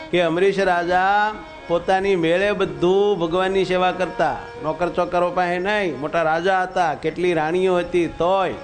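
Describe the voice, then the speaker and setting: A man giving a devotional sermon, telling stories in a folksy way and chanting verses. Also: high-pitched. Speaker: religious storyteller.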